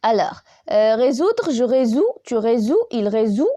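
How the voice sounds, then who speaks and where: With a warm, slightly high voice, a woman teaches French grammar at a measured pace, sounding animated. She patiently spells each verb ending letter by letter, repeating words and restarting often.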